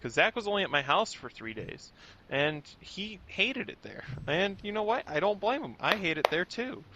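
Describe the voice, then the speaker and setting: A young man streams a game while rambling through an absurd, meandering rant, his fairly high, bright voice swooping wildly and often breaking into squeaky mock voices. The audio has its highs cut off and slight background noise.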